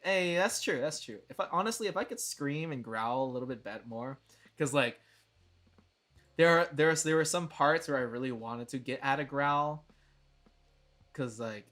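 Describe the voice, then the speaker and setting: A man's voice: mid-range voice, animated, normal speed, a bit bright. A young man streaming casually, chatty, laughing often and swearing now and then. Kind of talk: casual livestream chat.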